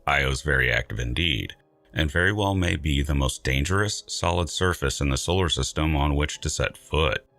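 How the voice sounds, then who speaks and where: A man reading scripted science narration in a measured, emphatic, dryly wry way. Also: very deep voice, creaky, fairly bright tone, no room sound, faint music behind.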